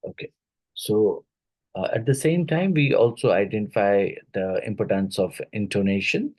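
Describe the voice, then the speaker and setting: A man's voice: lowish voice, moderate pace, a little mellow. A man with an Indian English accent teaching phonetics for exam prep, explaining step by step and often checking in with "right?" and "isn't it?". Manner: explanatory, checks in with tag questions. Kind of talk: exam-prep lecture walking through worksheets.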